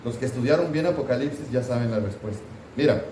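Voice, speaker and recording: In a church room, a fast-talking pastor with a mellow, mid-range voice teaches a Sunday school Bible class casually, quizzing his students and adding mock scolding asides. He's far from the mic in a roomy hall, with slight background noise.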